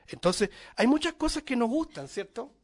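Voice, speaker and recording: A man preaching a sermon to his congregation, lifting his voice on key words and dropping to a hush at the ends of phrases. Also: extremely high pitch, sing-song, normal speed. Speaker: pastor.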